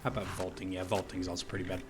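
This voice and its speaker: A man's voice: low-pitched, monotone, rapid-fire, music in the background. A man hosting a let's play with casual, rambling, self-deprecating commentary. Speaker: gaming let's play host. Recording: faint game ambience behind voice.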